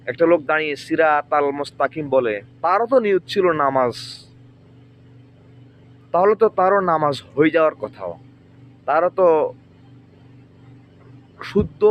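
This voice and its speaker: A man talking to his viewers, questioning them and slowly stressing how individual words are pronounced. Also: a little high, muffled recording, a little hiss or hum. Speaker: online religious commentator. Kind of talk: rhetorical explanation to viewers.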